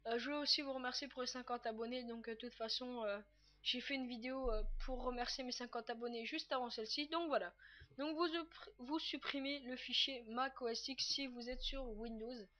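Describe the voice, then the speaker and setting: A woman's voice: on the high side, fairly even intonation, brisk, pushed and bright. A young woman narrating a casual screen-recorded game tutorial, chatty and loose with lots of fillers. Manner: chatty and loose, with many "donc, euh" fillers and repeated "tout simplement". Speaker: tutorial maker.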